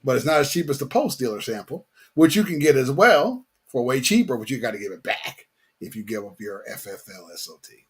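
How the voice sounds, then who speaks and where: Brief: male host, casual and slangy, lower-pitched than most, husky tone, laid-back repetitive delivery. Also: very animated, brisk. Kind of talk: casual chat.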